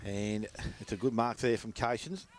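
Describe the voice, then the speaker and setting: An Australian man giving rapid running play-by-play commentary on a local football match. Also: on the low side, a little hiss or hum.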